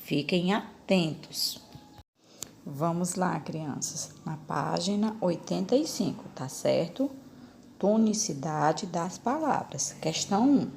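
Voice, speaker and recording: A Brazilian woman teaching young children in a recorded lesson, speaking unhurriedly and patiently. Her voice sits fairly low with a gravelly, fry-tinged edge. She keeps asking questions and repeating key words to coax her pupils along. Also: expressive, slow pace, darkish tone, slight background noise. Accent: Brazilian Portuguese. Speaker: primary school teacher.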